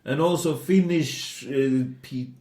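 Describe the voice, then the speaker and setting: Brief: man from northern Norway, mid-pitched, podcast co-host, crude joker who laughs a lot, echoey room. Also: slow pace, warm tone. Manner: profane, joking, laughs often. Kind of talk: casual podcast banter.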